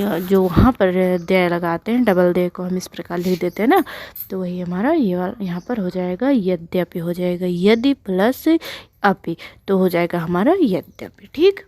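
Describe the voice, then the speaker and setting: A woman's voice: on the low side, a little slow, a little mellow. Lady teacher going through a lesson, keeps asking and then answering her own questions. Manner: explains with questions she answers herself. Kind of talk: online lesson.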